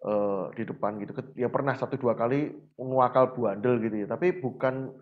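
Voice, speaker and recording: A man's voice: mid-range voice, moderate pace, narrow, tinny audio. Man with speech, storytelling teacher. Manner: lively storyteller who often acts out dialogues. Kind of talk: conversational interview storytelling.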